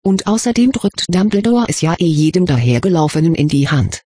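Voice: mid-range voice, sing-song, fairly quick, mellow, husky, dry recording, studio quality. A reader voicing a haughty, lecturing old male headmaster in a portrait, in an audiobook. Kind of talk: audiobook character reading.

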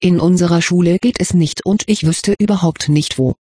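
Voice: mid-range voice, normal speed, warm tone, slightly rough, no room sound, clean studio sound, natural voice. A reader voicing a dismissive, cold-hearted teenage schoolgirl, in a storybook reading. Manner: cool, disdainful.

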